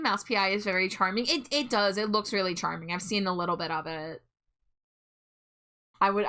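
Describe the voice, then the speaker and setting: Cute, bright-voiced woman streamer. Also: mid-range voice. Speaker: livestream host. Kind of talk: casual livestream chat.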